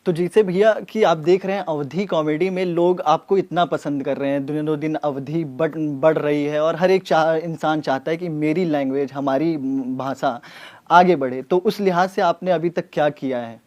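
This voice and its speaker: Male interviewer, respectful, slightly higher voice. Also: steady tone, moderate pace, darkish tone. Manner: polite, respectful, with fillers. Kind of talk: interview questions.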